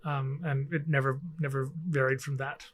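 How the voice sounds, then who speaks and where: A man's voice: medium pitch, flat delivery, moderate pace. A middle-aged man from Canada, a guest scientist talking casually in an interview, hesitant with many fillers and restarts, recorded in an office. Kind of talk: conversational interview. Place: office with air conditioning hum.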